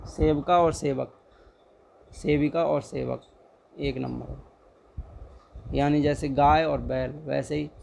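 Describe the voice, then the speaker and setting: A man's voice: a little high, vocal fry, a little mellow, a little hiss or hum. A young man tutoring exam questions in a casual, chatty way, repeating each answer and urging viewers to like and subscribe. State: dry throat.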